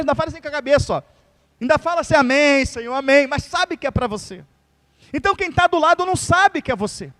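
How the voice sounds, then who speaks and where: A man with a Brazilian accent, a pastor preaching a fervent live sermon directly to his church congregation. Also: extremely high pitch. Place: church service.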